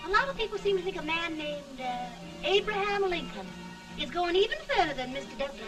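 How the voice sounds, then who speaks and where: An actress in an early talkie film playing a self-assured, coquettish young society belle with a poised, tart delivery. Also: female voice, very high-pitched, lively intonation, fairly quick, distant mic, low-quality recording. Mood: self-assured, coy. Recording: 1930 film soundtrack with music behind.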